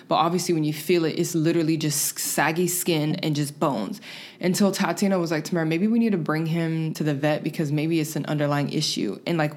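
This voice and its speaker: A young woman casually telling a faith testimony as a podcast co-host, earnest and full of "like" and "literally". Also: deep voice. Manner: earnest storytelling, heavy use of "like" and "literally".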